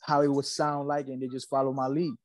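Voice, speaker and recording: A man's voice: mid-range voice, little pitch movement, a little fast, no echo, poor audio. A man from Haiti, a musician guest, talking casually in an interview, laid-back and slangy, often repeating himself.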